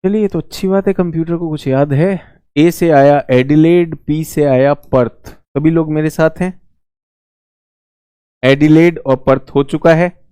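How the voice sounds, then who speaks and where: A man teaching a lively, joking exam-prep lesson, now and then slipping into brief mock voices. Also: a little high, a little slow, clean tone, no room sound, studio quality.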